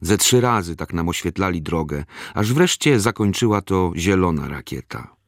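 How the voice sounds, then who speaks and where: Deep gravelly male narrator, dry sound. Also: animated, moderate pace, dry recording. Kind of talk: scripted memoir narration.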